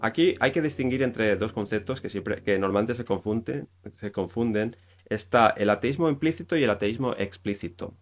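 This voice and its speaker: Rambling Spaniard with a lowish voice. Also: male voice, normal speed, faint music behind. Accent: Spain Spanish. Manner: rambling, with many fillers and self-corrections. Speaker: YouTuber explaining Japanese culture. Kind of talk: casual explanatory talk.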